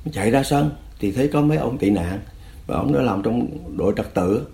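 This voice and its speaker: An older man, recounting a personal story in a measured, often quiet and subdued way. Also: medium pitch, animated, gravelly.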